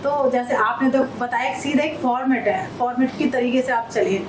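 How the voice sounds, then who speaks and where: A woman's voice: a little high, fairly even intonation, normal speed, echoey room, noisy background. A woman hosting a podcast interview, giving brief affirming replies and asking polite questions. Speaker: podcast host.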